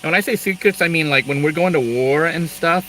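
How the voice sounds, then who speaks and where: Bright-voiced chatty middle-aged man. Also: on the high side, a little fast, slight background noise, low-quality recording. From Thailand. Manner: rambling, chatty, laughs between asides. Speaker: live-stream host, Air Force veteran. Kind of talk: casual live-stream chat.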